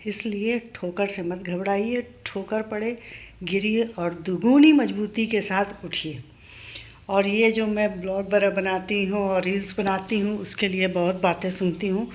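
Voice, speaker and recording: An older woman chatting in a casual home vlog, reminiscing and encouraging her viewers. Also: medium pitch. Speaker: vlogger. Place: home in a paying-guest house.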